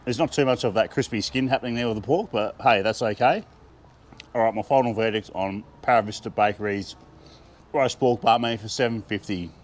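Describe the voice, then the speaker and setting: A man's voice: lowish voice, brisk. A man with an Australian accent, chatting with enthusiasm as he reviews food and laughing often. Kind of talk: casual food review vlog.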